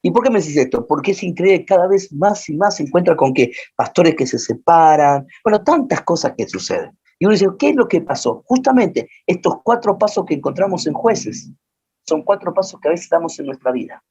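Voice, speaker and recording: A man with a Rioplatense Spanish accent, a pastor preaching a teaching sermon and telling stories in animated fashion. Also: fairly high pitch, a little fast, slightly rough, lo-fi sound. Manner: animated storyteller, voices the people in his stories.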